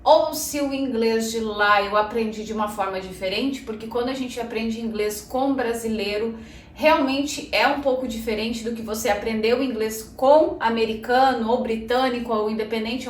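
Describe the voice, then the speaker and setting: Speaking Portuguese with a Brazilian accent, a woman in her thirties runs a chatty personal vlog, addressing her viewers directly as "gente" and dropping "né" frequently. Her fairly high voice sounds distant and a bit off-mic in an echoey room with faint background noise.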